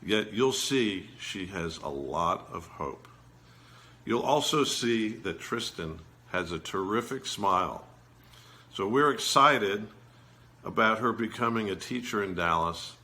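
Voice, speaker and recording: A man hosting a virtual ceremony, introducing speakers in a measured, gracious way. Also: low voice, lively intonation, pushed and bright. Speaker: event host introducing speakers. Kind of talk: scripted introduction.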